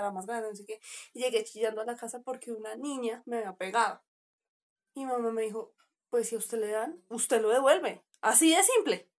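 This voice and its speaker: Colombian woman, kinda high voice, plain matter-of-fact casual chat. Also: a little mellow.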